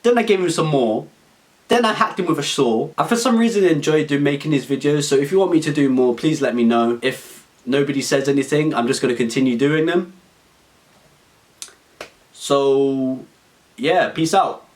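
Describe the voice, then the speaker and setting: This British comedy creator tells an absurd story in a meandering, deadpan-serious monologue over background music. His voice is on the high side with a darkish tone, at normal speed.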